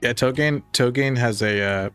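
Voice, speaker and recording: Soft music plays behind this young streamer as he reads his chat and talks casually during a game. His mid-range voice is fairly bright, clean and slightly nasal, moving at normal speed, and he rambles in a laid-back way packed with "like" fillers.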